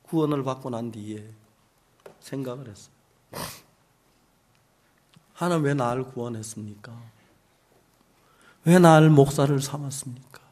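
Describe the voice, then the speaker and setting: A middle-aged man preaching a sermon as pastor. He swings from loud emphatic phrases to hushed near-whispers and draws out key words slowly. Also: mid-range voice.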